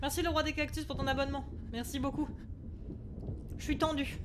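A woman's voice: high-pitched, level tone, a little fast, background noise. A woman streaming a horror game, panicking, swearing and shrieking at it between thanks to viewers.

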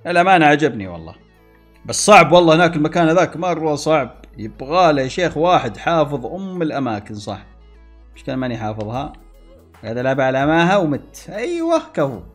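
A man giving excitable gameplay commentary, exclaiming and talking to himself and his viewers. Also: a little high. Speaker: gaming YouTuber.

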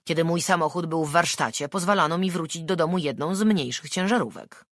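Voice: medium pitch, brisk, a bit bright, dry recording, studio quality, voice pushed up, lightly acted. A narrator reading an audiobook and voicing a brusque, defiant suspect under interrogation. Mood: defensive. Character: defensive, indignant murder suspect.

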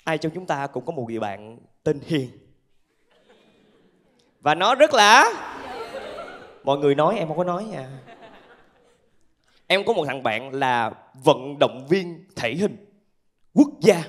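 Male stand-up comic, southern Vietnamese accent, high voice, animated storyteller on handheld mic. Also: a little slow, long pauses. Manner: animated storytelling with acted-out asides. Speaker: stand-up comedian. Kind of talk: stand-up comedy storytelling to a live audience. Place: theatre stage with laughing audience. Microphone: handheld microphone.

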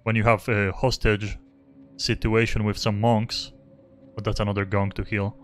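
A man's voice: lowish voice, flat delivery, normal speed, slight background noise. A young man giving casual, rambling live commentary as he streams a game, close to a desk microphone. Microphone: close desk microphone without pop filter. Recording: faint game music behind.

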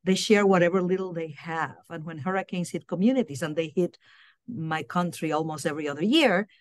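This guest, a university diversity director and middle-aged woman from Puerto Rico, takes interview questions on a video call through her laptop webcam in a small room at home. She speaks fairly quickly in a fairly low voice, captured dry. She comes across as earnest, repeating words often as she gropes for how to say things.

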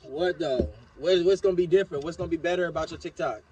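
A man's voice: a little high, quick pace, a little mellow, dull audio. A young man vlogging in a loose, joking way, cursing and bantering while he shops at an outdoor swap meet. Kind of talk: casual vlog chat. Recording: crowd noise outdoors.

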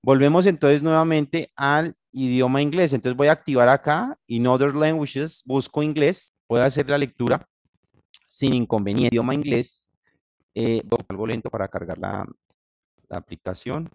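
A man's voice: medium pitch, steady tone, moderate pace, vocal fry, no room sound. A Colombian man teaching an English class over a video call in Spanish, patient and guiding, often checking in with his students. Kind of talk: online class, bilingual instruction. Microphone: computer mic on video call.

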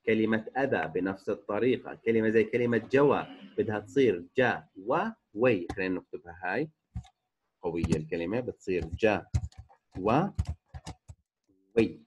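A man teaching a remote grammar lesson, slowly stretching out example words and repeating each rule. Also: on the low side, darkish tone, highs cut off, a little hiss or hum. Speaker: Arabic teacher. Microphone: recorded voice-over for a distance lesson.

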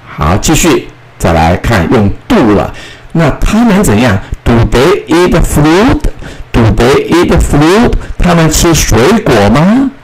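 A man's voice: on the high side, slight background noise, poor audio. A man teaching a recorded English lesson, sounding out spellings and repeating model phrases. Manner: slow, drawn-out model phrases with a lively voice.

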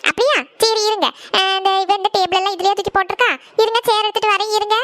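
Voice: very high voice, fairly even intonation, quick pace, sharp tone, no room sound, studio quality. A performer voicing a busy mother who scolds her daughters and questions her husband. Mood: fussing.

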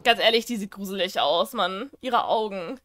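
Her voice sits at a medium pitch with a slightly bright quality, and she talks at a moderate pace. As a gaming YouTuber doing a let's play of a horror game, she chats and teases, reads on-screen text out loud, and laughs a lot.

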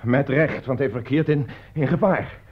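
A troubled middle-aged doctor and father in an old radio drama. He speaks gravely and deliberately, in a mid-range voice. The recording is muffled and dull, like a vintage broadcast. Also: mid-range voice. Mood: anxious. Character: worried middle-aged male doctor and father, stern but gentle. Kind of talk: 1950s-style radio drama acting.

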